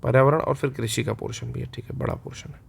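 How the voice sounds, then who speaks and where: A man's voice: medium pitch, steady tone, fast, vocal fry, slightly rough. A man teaching an exam-prep lecture, chatty and playful, answering his own questions in a mock student voice. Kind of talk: recorded online lecture.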